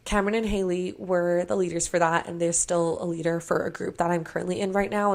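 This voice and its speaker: A woman's voice: lowish voice, gravelly. A woman in her twenties talking casually and earnestly in a sit-down podcast-style vlog, filling her sentences with "like" and "you know.". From Hawaii. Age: 20s. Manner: chatty, filler-heavy, earnest. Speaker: vlogger. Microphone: camera mic, sit-down framing.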